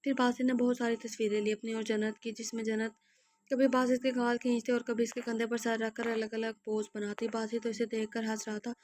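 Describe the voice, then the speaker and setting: A hoarse woman reading a romance novel aloud and voicing all its characters, often clearing her throat and restarting words. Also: little pitch movement, darkish tone, slight background noise. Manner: narrow pitch range, stumbles and restarts words. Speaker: audio novel narrator.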